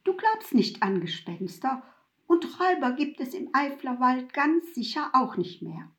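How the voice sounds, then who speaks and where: A woman's voice: high voice, big pitch swings, a little slow, fairly bright tone, full character voice. A woman voicing a prim female inner voice of reason that lectures pointedly in an audiobook. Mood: lecturing. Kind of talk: audiobook reading.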